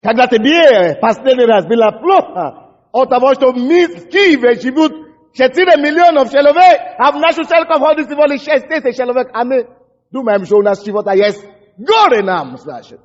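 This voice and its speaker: A native English-speaking male pastor with an extremely high-pitched, expressive voice preaches a fervent, fiery sermon at a moderate pace. He shouts prayers passionately and stumbles over words, and the church-hall audio is dull and echoey.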